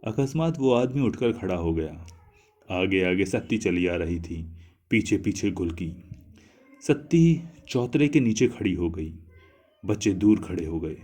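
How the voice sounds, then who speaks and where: A male storyteller reads a literary tale in a low voice. He takes it very slowly, giving each line room. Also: lively intonation, a little mellow. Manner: slow, measured reading. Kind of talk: scripted narration of a literary story.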